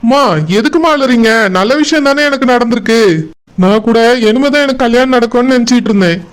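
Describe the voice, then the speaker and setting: A man doing a squeaky young village groom. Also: quick pace, clear, resonant tone. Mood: puzzled. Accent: Kanyakumari Tamil. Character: young village groom, bewildered then angry. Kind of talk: cartoon voice acting.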